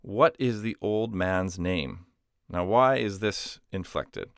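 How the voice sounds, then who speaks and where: Low-voiced man teaching grammar patiently. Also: expressive, slow pace, gravelly, no echo, studio quality. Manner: patient, step-by-step explanations with frequent "uh" and self-corrections. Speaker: language teacher. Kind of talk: explaining grammar lesson.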